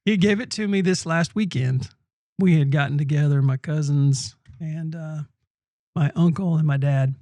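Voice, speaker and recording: A man's voice: fairly high pitch, normal speed, no room sound. A man who is a pastor, co-hosting a casual podcast and telling a family story with an easy, laughing manner; his voice sounds a little off today. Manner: relaxed, storytelling, laughs easily. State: voice a bit off today.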